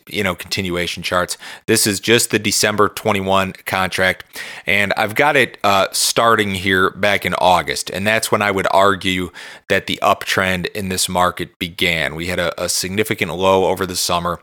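Low, bright-voiced man, dry close sound. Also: dry recording. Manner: conversational, loosely phrased with self-repetition. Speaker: podcast host and market analyst. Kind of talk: informal chart commentary.

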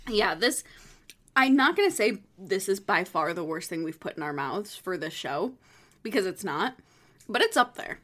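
A woman's voice: mid-range voice, very animated, fairly bright tone. Female podcast co-host, casual and chatty, easy laughter. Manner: chatty, giggly, quick asides.

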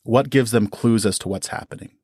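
Speaking fairly quickly in a husky, somewhat low voice with a little mellowness, a man guests on a podcast as an audio drama producer and performer. He answers interview questions about his craft with conversational enthusiasm, and there's no echo.

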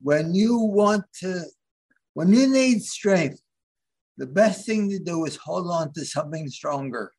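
This Philadelphia-area man has a high, animated and slightly mellow voice as an interview guest. He keeps stopping and restarting, groping for words as he goes.

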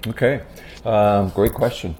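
A man's voice: fairly low pitch, steady tone, unhurried, darkish tone, a little hiss or hum. A man, a preacher and podcast guest, telling his family story in an earnest, reflective way, often adding "right?". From Puerto Rico. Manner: earnest, with tag questions like "right?". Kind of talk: reflective personal storytelling in an interview.

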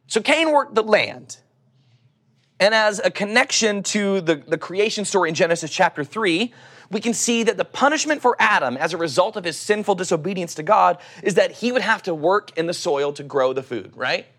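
A man's voice: sits high, lively intonation, normal speed, a bit bright. A middle-aged man with an Oklahoma accent gives a conversational sermon, teaching through scripture and posing rhetorical questions. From Oklahoma, United States. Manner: teacherly, asks rhetorical questions and answers them. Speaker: preacher.

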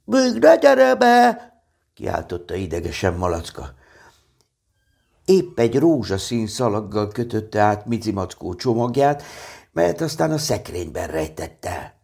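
A man calmly reading a children's storybook aloud. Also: fairly low pitch, gravelly, slightly rough.

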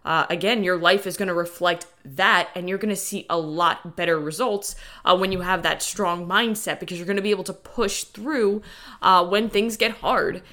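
A woman's voice: fairly low pitch, steady tone, normal speed, bright, forceful tone. A woman hosting a podcast as a coach, talking casually and motivationally to listeners in informal, lightly sweary language. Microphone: dedicated podcast microphone.

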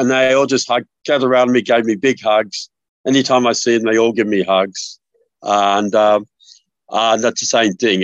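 A man's voice: medium pitch, no room sound. An older Australian man talks as a podcast guest, rambling through stories with frequent restarts and fillers. His voice comes through a dull, lo-fi call line with no room sound. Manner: rambling, warm storytelling with many restarts. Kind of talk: casual remote interview.

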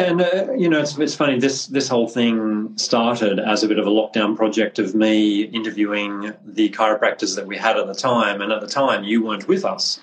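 A man's voice: on the low side, low-quality recording. A man hosting a casual podcast, friendly and rambling, often restarting his sentences. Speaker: podcast host, clinic representative.

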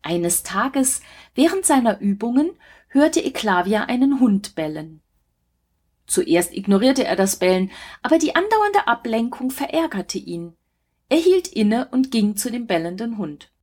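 A woman narrates an old legend in a scripted, measured way, with dramatic emphasis. Her voice is somewhat high with a breathy, husky grain. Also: sing-song, darkish tone. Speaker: storyteller.

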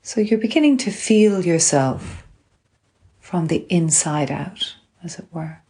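A woman instructor calmly and gently guiding a grounding exercise, unhurried, with long pauses between phrases. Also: on the low side. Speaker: guided relaxation instructor. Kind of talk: calm guided grounding exercise.

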